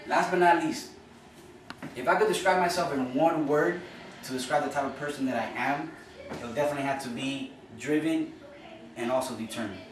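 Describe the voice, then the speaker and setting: At a moderate pace and medium pitch, a young adult man from Cuba speaks earnestly and informally to his college class, often repeating himself or starting phrases over. The recording, made from far off in an echoey room, carries noise.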